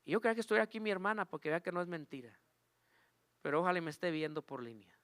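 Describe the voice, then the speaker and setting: Man, preacher, high voice, earnest sermon testimony, dry close sound. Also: expressive, rapid-fire, a bit bright, dry recording. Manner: earnest storytelling, addresses church as brothers and sisters.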